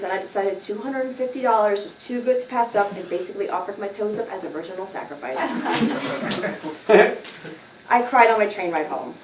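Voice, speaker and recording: A young woman reading her own personal essay aloud at a live show, candid and wry, turning raw and defiant. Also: mid-range voice. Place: small live performance venue. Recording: echoey room, distant mic, faint noise.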